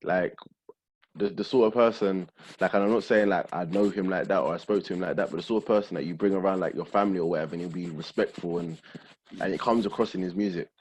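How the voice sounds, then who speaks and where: Male podcast host, very low voice, informal street slang, loose casual music chat. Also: fairly even intonation, quick pace, a little mellow, husky, low-quality recording. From Essex, England.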